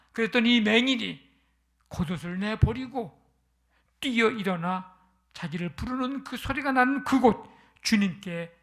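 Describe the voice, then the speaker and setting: Pastor, Sunday sermon: mid-pitched, gravelly, storytelling with rhetorical questions. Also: fairly bright tone.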